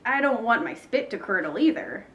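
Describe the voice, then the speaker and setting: Lady reading as a little schoolgirl, a bit higher, earnest and mysterious, storybook voice. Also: lively intonation, moderate pace, fairly bright tone, dull audio. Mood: dramatic. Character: young schoolgirl, dramatic and mysterious.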